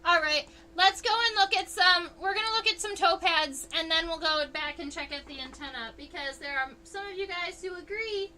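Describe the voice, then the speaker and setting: A woman's voice: very high-pitched, sharp tone, a little hiss or hum. A woman entomologist hosting a casual livestream, explaining insect anatomy under a microscope and answering viewers' chat. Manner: chatty, unhurried, reads chat aloud.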